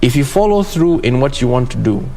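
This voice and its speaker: A man's voice: medium pitch, very animated, fairly quick, gravelly, mellow, a little hiss or hum. Emphatic man co-hosting a sports talk show. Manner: emphatic, punctuates points with "okay?". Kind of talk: studio discussion.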